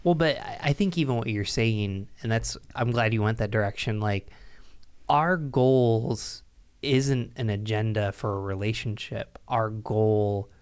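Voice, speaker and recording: A man hosting a podcast, chatting quickly and joking with his guest. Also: lowish voice, clean tone. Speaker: podcast host. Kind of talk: casual podcast interview.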